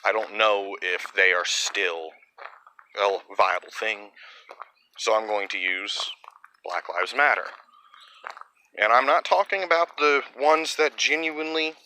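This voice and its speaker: A man's voice: on the low side, measured pace, long pauses, sharp tone, slight background noise, low-quality recording. A man delivering a blunt, profane opinion monologue in a ranting way.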